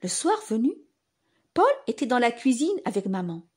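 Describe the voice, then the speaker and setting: A woman narrating a children's bedtime story in simple, expressive phrases, as if reading to a toddler. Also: on the high side, moderate pace, breathy edge.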